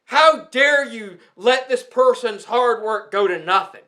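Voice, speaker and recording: In an unhurried, very high, pushed and bright voice, a man who creates ASMR content rants indignantly at the platform. He is emphatic and scolding, repeating phrases for effect.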